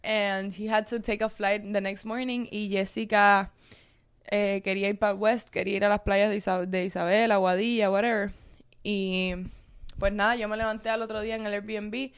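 A young woman telling a story in casual chat, animated and switching into English. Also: mid-range voice, normal speed, clear, resonant tone. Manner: animated, mixes English into Spanish.

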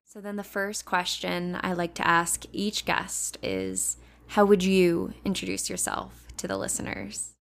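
A woman's voice: on the low side, expressive, a little slow, gravelly, a bit bright. A woman hosting a podcast, speaking earnestly and affirming her guest in a casual interview. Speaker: podcast host.

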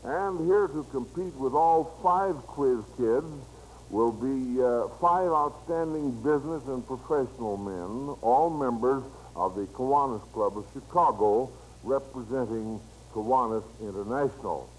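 On a vintage broadcast, an American man hosts an old-time radio quiz show, folksy and encouraging toward the child contestants. His medium-pitched voice moves a little slowly, and the low-quality recording carries slight background noise.

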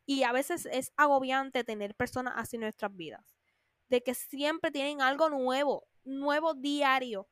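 A woman hosting a podcast, animated, acting out whiny friends in a higher voice. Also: a little slow, no room sound, studio quality. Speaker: podcast host. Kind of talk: casual monologue.

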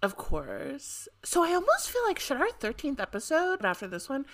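A young woman co-hosting a podcast in casual chat, excitable and chatty, often giggling. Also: sits high, normal speed, gravelly. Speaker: podcast co-host.

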